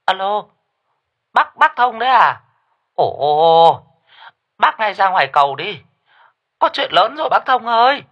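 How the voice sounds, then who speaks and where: A man's voice: sits high, big pitch swings, measured pace, pauses often, lo-fi sound, voice pushed up, heavily acted. A man voicing a panicked middle-aged village woman neighbor, stammering out alarm.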